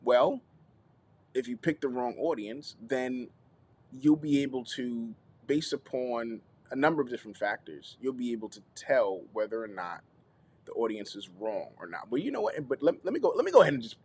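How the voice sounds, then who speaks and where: A man hosting a live teaching stream on content creation, lively, repeating himself and checking in with viewers. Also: medium pitch, normal speed, slight background noise. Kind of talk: YouTube live teaching session.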